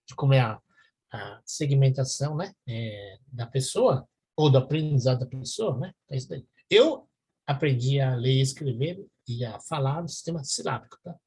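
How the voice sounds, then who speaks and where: A man's voice: mid-range voice, expressive, normal speed, a little mellow, husky. A man, giving a university lecture and explaining step by step while checking in with his students. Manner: explanatory, checks in with listeners often. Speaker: university professor.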